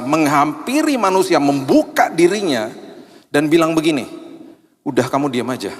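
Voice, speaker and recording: Indonesian pastor preaching in a reverberant hall. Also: male voice, mid-range voice. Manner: conversational preaching, acts out congregants' voices. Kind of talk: sermon. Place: church.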